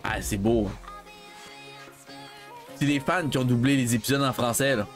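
A man's voice: medium pitch, normal speed, faint music behind. A man with a Québécois accent chatting casually while streaming a game and telling a rambling story. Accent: Québécois French. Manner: rambling storyteller, lots of filler and restarts. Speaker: let's play streamer. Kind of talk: casual chat while gaming.

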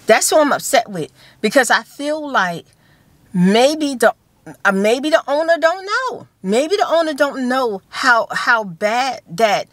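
A fifty-year-old woman chats to her phone camera from a parked car, talking with her hands and circling back to repeat her points. Her voice sits a little high for a woman. The sound is close and dry, with no room echo. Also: takes it slowly. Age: 50s. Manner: animated storytelling with hand gestures and repeated phrases. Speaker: vlogger. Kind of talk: casual chat to camera. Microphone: phone camera held close.

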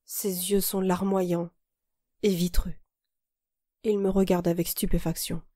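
Calm woman reading a novel aloud. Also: on the low side, no echo, clean studio sound. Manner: calm, measured, intimate reading. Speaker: audiobook narrator and author. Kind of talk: first-person novel narration.

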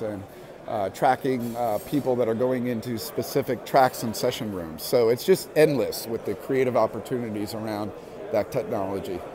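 A man giving a casual walk-through of an indoor convention expo floor, enthusing with lots of fillers as he films on a handheld phone. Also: mid-range voice. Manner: relaxed, filler-heavy enthusing. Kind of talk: casual walk-and-talk narration. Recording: crowd chatter from a busy hall.

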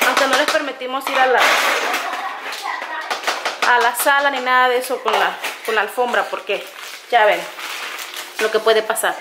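Brief: Mexican Spanish woman, high-pitched mom vlogger, handheld camera in a noisy kitchen. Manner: warm, chatty, coos at the puppies. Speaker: family vlogger, mother. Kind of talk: casual vlog chat. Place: home kitchen, indoors. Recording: noisy home recording.

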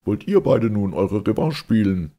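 A man doing an agitated, sarcastic gentleman. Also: on the low side, expressive, normal speed, pitched above the performer's own voice, lightly acted. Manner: agitated, sarcastic, raising his voice.

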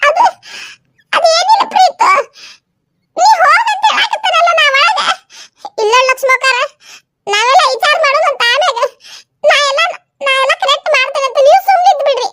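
A woman's voice: lively intonation, moderate pace, bright, forceful tone, slight background noise, full character voice. A woman voicing a nervous young daughter-in-law in a comedy skit, stammering in a North Karnataka Kannada accent. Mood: flustered. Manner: nervous, high-pitched, stammering.

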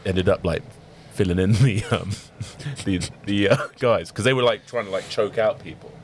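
Young co-host, deep-voiced, relaxed and chatty. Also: male voice, normal speed, a little hiss or hum. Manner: laid-back banter, slangy. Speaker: podcast co-host, rugby player. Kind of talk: casual chat.

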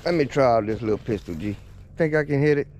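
A man's voice: mid-range voice, lively intonation, fast talker, darkish tone, a little hiss or hum. A man, talking casually to his son and his viewers in an easygoing vlog filmed outdoors on a handheld camera. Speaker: vlogger. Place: outdoors on a bayou.

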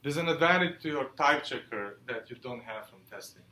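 A man giving a university lecture, halting with many fillers and putting questions to the class. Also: medium pitch, animated, sharp tone. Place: lecture hall. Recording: echoey lecture hall.

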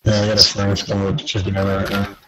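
Laid-back low-voiced man gaming. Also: completely flat delivery, fast talker, fairly bright tone, low-quality recording. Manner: laid-back and matter-of-fact, with some slang. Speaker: streamer co-hosting a gaming series. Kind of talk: casual gameplay chat.

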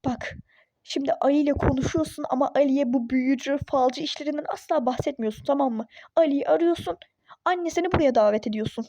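A woman's voice: high voice, quick pace, dark tone, no echo. Woman doing a pushy superstitious friend. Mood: insistent. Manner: insistent, nagging, conspiratorial. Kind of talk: phone-game role-play story.

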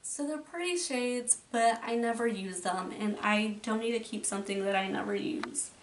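A beauty vlogger rambles casually through a makeup declutter in her bedroom, often trailing off and starting her thoughts over. She talks at a normal pace with a voice on the high side, captured from a distance in a roomy space with faint background noise.

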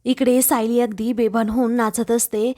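A woman's voice: on the high side, little pitch movement, moderate pace, darkish tone. A woman narrating a recap of a TV serial episode, retelling each scene step by step and reading the characters' lines out plainly.

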